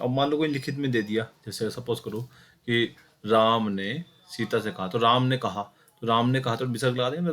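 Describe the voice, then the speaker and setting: A man teaching an exam-prep Hindi grammar lesson, explaining step by step with many fillers and self-corrections, and speaking directly to his students. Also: mid-range voice. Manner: addresses students directly, repeating key points.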